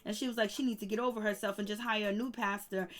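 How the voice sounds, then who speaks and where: A YouTube reality TV commentator, a woman with a medium-pitched, steady voice, talks fast as she casually recaps gossip. She's chatty and rambling, packing in "you know" fillers and humming disapproving "mm, mm" asides.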